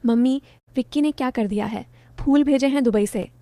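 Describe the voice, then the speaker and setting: A woman's voice: high-pitched, moderate pace, mellow, no room sound. A woman voicing an emotional young daughter. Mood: excited.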